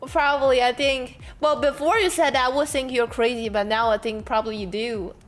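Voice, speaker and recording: A woman's voice: a little high, fairly even intonation, brisk. A woman streamer in casual chat, speaking hesitantly and searching for her words.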